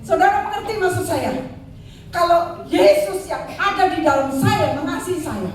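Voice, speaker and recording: A woman's voice: very high-pitched, expressive, moderate pace. An older woman evangelist preaching a Christmas sermon with personal testimony, emphatic and addressing the congregation directly. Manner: emphatic, calls audience "saudara". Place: church hall. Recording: echoey hall from far off, faint ambience.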